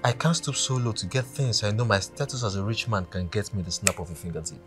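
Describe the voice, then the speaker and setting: A wealthy, self-assured Nigerian man played by a male actor in a film drama. His voice is low, and faint music runs behind it. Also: fast talker, natural voice. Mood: teasing.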